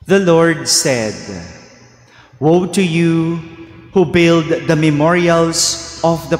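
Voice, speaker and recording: Filipino priest preaching slow, big cathedral echo, long reverb ringing off the walls. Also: male voice, a little high. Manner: slow and deliberate, quizzing the congregation. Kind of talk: homily during Mass. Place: large church. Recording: echoey church hall sound.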